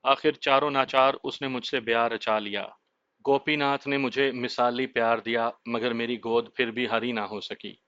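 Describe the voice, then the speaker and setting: A man narrates a suspense story in a steady, literary way, his voice bright and forward. The sound is close and dry, with no room around it. The recording is a little dull. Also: medium pitch, moderate pace, no echo. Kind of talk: scripted narration of a horror story.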